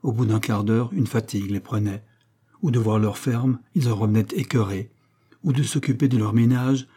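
A man narrating a classic novel as an audiobook, slow and measured. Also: lowish voice, warm tone, breathy edge.

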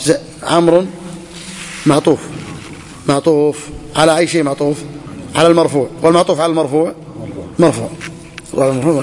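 A man gives a classroom grammar lesson, voice sitting slightly high. He says each phrase twice and keeps asking the students whether it is clear. A long reverb trails his words through the hall. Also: darkish tone, slight background noise. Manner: repeats phrases, quizzes students with questions. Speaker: teacher of Arabic grammar.

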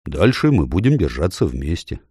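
A man's voice: extremely low pitch, very animated, moderate pace, a little mellow, breathy edge, no room sound, clean studio sound, full character voice. A man voicing a proud, noble male talking horse who speaks in a stately, lecturing way. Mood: lofty.

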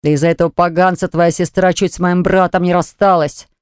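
A man's voice: high-pitched, flat delivery, fairly quick, a little hiss or hum, natural voice. A reader voicing a jealous, barking man. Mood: furious. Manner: barking, demanding, accusatory. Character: jealous, domineering male hotel owner, adult. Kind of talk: audiobook character voice.

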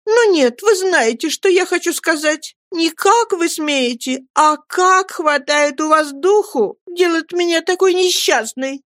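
A woman voicing a young widowed mother who is tearful and excitable, speaking in a shrill, pleading way in an audiobook. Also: takes it slowly, hardly any pauses, no room sound, studio quality. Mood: tearful, indignant. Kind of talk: audiobook character voice.

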